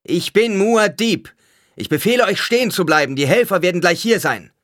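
A man's voice: sits low, lively intonation, a little fast, bright, forceful tone, no room sound, clean studio sound. A male reader voicing a blinded young male leader in an audiobook, speaking firmly and with command. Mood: commanding shout. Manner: raised, commanding, firm. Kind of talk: audiobook character voice.

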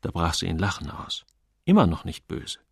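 Gravelly male audiobook narrator. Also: deep voice, very animated, normal speed, dry recording, studio quality.

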